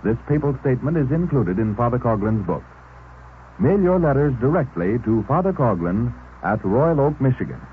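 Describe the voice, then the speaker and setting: Brief: male radio announcer, old 1930s radio show sound, formal and persuasive, pitch moving freely, thin tinny band. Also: big pitch swings, a little hiss or hum. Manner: formal, measured, persuasive delivery. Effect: old 1930s radio broadcast. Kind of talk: scripted on-air announcement.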